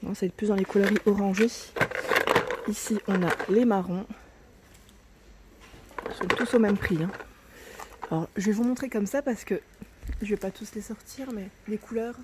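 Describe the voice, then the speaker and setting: A woman's voice: mid-range voice, moderate pace, pauses often, noisy background. A woman walking through a store aisle showing products in a casual vlog, chatting and often correcting herself, her voice cracking early in the morning. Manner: chatty, often corrects herself, drops to a near whisper at times. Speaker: vlogger showing new store arrivals.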